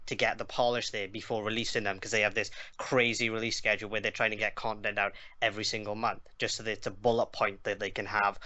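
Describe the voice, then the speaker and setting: A Welsh man talking casually on a gaming podcast, filling his sentences with ums and likes. His voice sits fairly low but sounds bright. The audio is dull and lo-fi, like a voice chat recording. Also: level tone, fast talker, hardly any pauses. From Wales. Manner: chatty, many ums and likes. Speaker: podcast guest, games writer.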